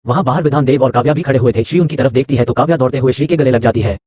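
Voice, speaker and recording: Rapid-fire male storybook narrator. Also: mid-range voice, breathy edge, no echo. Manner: rapid, even reading. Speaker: audiobook narrator.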